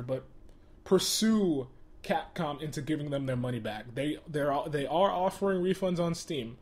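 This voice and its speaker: A man's voice: medium pitch, a little mellow. A man hosting a casual gaming commentary video, exasperated, often laughing and stumbling over repeated words.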